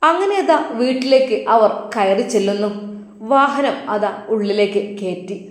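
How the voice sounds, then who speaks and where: A woman's voice: fairly high pitch, lively intonation. Emotive Malappuram woman storyteller, roomy echo. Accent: Malappuram Malayalam. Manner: emotive, dramatic, drawn-out. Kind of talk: dramatic story narration.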